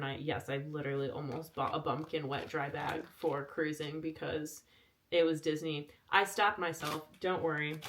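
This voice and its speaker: A woman vlogger talking casually through her packing list, with a flat, monotone delivery and lots of filler words. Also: fairly low pitch, slight background noise. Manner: self-described monotone delivery; chatty, filler-heavy.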